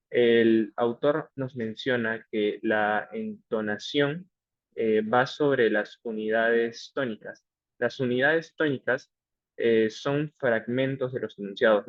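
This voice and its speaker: A young male student giving a class presentation, speaking hesitantly and filling the gaps with "eh". His voice sits at a medium pitch, and the recording is muffled and dry, with no room echo. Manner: hesitant, many fillers.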